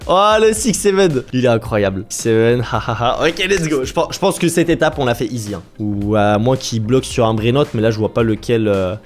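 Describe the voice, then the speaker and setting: A man hosting gameplay commentary who talks straight to his viewers, gets excited easily and laughs often. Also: mid-range voice, fairly quick, few pauses, soft background music. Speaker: gaming YouTuber host.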